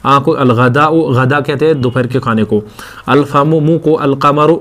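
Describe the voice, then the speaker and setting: A man teaching an Arabic lesson, explaining step by step and repeating words and letters slowly for his students. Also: mid-range voice, fairly bright tone. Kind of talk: classroom lecture.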